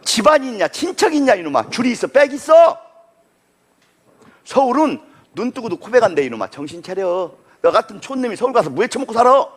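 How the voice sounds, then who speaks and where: A man voicing a stern rural father who gruffly scolds and shouts at his son. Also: very high-pitched, big pitch swings, fairly quick, full character voice. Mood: scolding.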